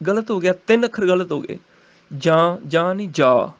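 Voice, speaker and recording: A man with a Punjabi accent teaching the correct pronunciation of scripture, chanting lines slowly and correcting each vowel. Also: high-pitched, muffled recording. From India. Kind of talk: recitation and pronunciation lesson.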